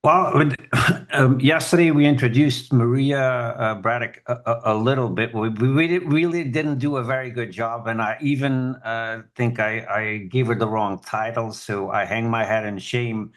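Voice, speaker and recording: A man's voice: mid-range voice, fairly even intonation, moderate pace. A man hosting a conference livestream, introducing a guest in a chatty, self-deprecating way. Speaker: conference host.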